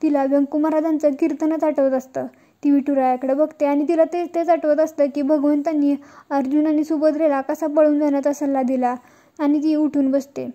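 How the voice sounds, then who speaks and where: A woman narrating a recap of a TV serial episode, retelling the scenes in a steady storytelling manner. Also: high-pitched, lo-fi sound.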